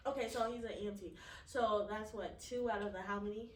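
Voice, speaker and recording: A woman's voice: mid-range voice, fairly even intonation, fairly quick. A woman from Hawaii co-hosting a casual podcast chat, teasing, emphatic and swearing freely, laughing often. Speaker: podcast co-host. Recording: roomy, distant mic with faint noise.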